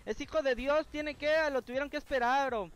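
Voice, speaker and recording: A man's voice: extremely high pitch, brisk, a bit bright. A man, chatting casually while streaming a game and reading out viewers' names. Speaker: gaming streamer. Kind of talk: casual live-stream gameplay chat. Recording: game music clearly heard behind. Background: game music.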